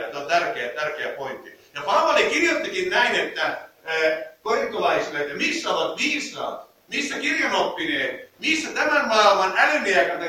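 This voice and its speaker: A man's voice: sits high, pushed and bright. A man preaching a sermon, reading scripture aloud and then explaining it in his own words, with fillers and restarts. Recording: echoey room heard from a distance.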